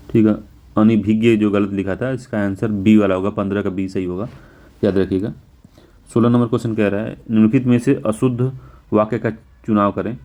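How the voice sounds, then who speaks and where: A man teaching a spelling lesson for an exam, going through test answers, repeating words slowly and correcting himself often. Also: fairly low pitch, dark tone. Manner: repetitive, self-correcting, often says "ठीक है"; slows and stretches words to spell them out.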